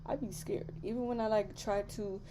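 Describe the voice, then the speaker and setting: A woman's voice: mid-range voice, fairly even intonation, moderate pace, noisy background. A young woman, chatting candidly to her viewers in a casual vlog, full of fillers. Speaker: vlogger. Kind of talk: casual chat.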